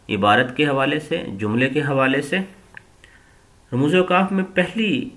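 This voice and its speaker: A man with a Pakistani Urdu accent teaching a recorded lesson, explaining in a slow, measured way with pauses. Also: medium pitch, sharp tone.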